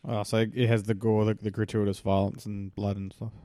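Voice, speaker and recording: A man's voice: on the low side, little pitch movement, a little fast, dark tone, dry recording. A man co-hosting a podcast, chatting casually and throwing in dry, skeptical remarks. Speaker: podcast co-host. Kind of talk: casual chat.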